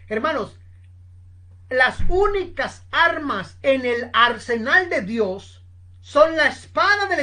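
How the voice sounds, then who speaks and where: A woman preaching a sermon, telling a story slowly and with emphasis, constantly addressing her listeners as brothers. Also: high-pitched, fairly bright tone. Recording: online seminar recording.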